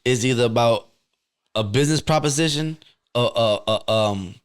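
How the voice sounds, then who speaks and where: A young man talks in a relaxed podcast chat, giving blunt, slangy advice with plenty of energy. His pitch sits in an ordinary middle range for a man. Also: moderate pace, clear, resonant tone. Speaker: podcast host. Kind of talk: casual chat.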